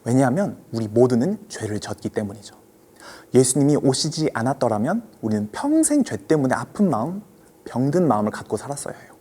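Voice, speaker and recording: Lively, mellow-voiced man preaching to children. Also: medium pitch, brisk, husky. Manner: gentle storytelling, asking the children questions. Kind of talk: children's sermon.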